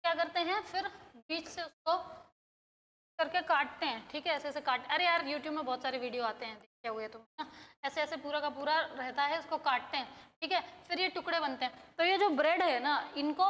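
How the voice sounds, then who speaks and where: Brisk high-voiced woman teacher, Hindi accent. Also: a bit bright, long reverb tail. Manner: brisk and coaxing, quizzes students, drills word lists. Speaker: English teacher. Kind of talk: classroom-style grammar lesson. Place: coaching institute in India.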